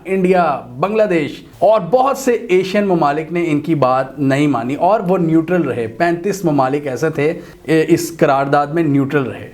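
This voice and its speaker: A man giving an unscripted, opinionated commentary on world affairs, speaking conversationally and restarting his sentences often. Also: a little high.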